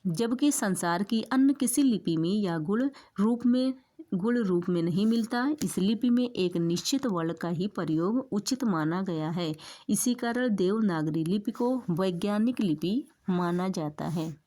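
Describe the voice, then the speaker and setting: Woman teacher going over exam stuff, explains and repeats the main points, mid pitch voice. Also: lively intonation, unhurried, mellow. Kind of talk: exam-prep lecture.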